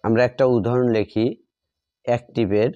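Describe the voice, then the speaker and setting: In a medium-pitched, dark voice with fairly even intonation and a normal speed, a Bengali-accented man delivers a classroom grammar lesson. He writes out examples while explaining, repeating phrases step by step like dictation. The recording is dry and muffled.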